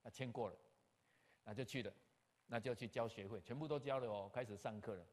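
An older man, a pastor, telling a personal story in an animated way, acting out conversations and dropping in English terms. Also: medium pitch, brisk. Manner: animated, acts out dialogue, scattered English terms. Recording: long hall reverb.

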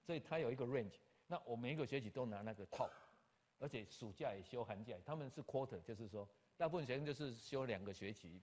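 An older man, a pastor, telling a personal story in an animated way, acting out conversations and dropping in English terms. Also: mid-range voice, quick pace. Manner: animated, acts out dialogue, scattered English terms. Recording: long hall reverb.

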